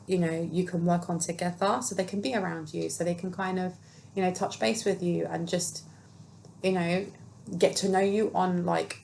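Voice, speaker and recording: A woman's voice: medium pitch, creaky, a little mellow, slight background noise, rough recording. A woman giving a casual, chatty tarot reading, reading card meanings aloud and musing on them. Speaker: tarot reader.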